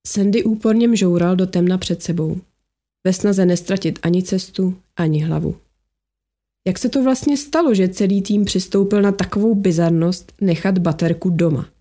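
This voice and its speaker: A woman narrating an audiobook in a steady, measured storytelling manner. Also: fairly low pitch.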